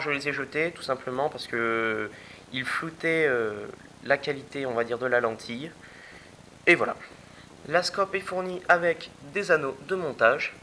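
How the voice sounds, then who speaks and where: A man's voice: mid-range voice, bright, forceful tone, a little hiss or hum, low-quality recording. A young man giving a casual product review, hesitant, with many fillers and restarts.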